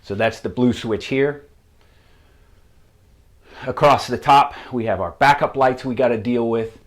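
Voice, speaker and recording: A man's voice: medium pitch, measured pace. A man with a Southern accent, a mechanic walking through a technical how-to at a whiteboard in a methodical, plain-spoken way. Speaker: auto mechanic instructor. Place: shop with a whiteboard.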